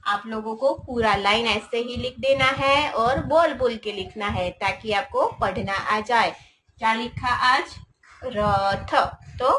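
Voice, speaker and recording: Slow, patient kindergarten teacher woman. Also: on the high side, fairly bright tone, slight background noise, rough recording. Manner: slow, patient, repeating each word for children to follow. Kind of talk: online class for young children.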